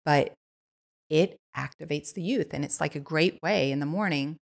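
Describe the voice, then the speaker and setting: A Swiss woman appears as a podcast guest, eagerly telling stories in a casual, conversational way and scattering "like" throughout. Her voice is low with vocal fry, at a moderate pace.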